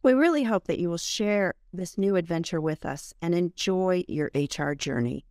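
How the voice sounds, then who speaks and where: Low-voiced mature woman hosting a podcast. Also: expressive, moderate pace, darkish tone. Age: middle-aged or older. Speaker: podcast host and benefits compliance professional. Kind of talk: conversational scripted podcast introduction.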